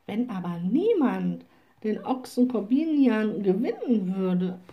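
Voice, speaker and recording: A woman voicing a cheerful, kind and sly little witch in a storybook reading, in a bright, teasing, high voice. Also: very animated, slow pace, muffled recording.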